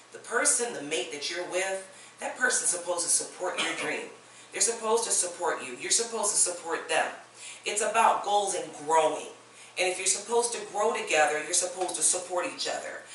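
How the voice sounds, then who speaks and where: A man's voice: sits high, bright, forceful tone. A man co-hosting a panel talk show, earnestly giving relationship advice. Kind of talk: casual panel discussion. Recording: echoey room from far off, faint noise.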